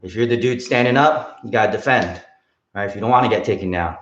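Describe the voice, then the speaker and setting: A man coaching a kids' jiu-jitsu class, explaining casually and calling out drills in short, sharp martial arts commands. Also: on the low side, quick pace. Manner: casual, explanatory, frequent "right?" check-ins. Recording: muffled, roomy lo-fi class livestream.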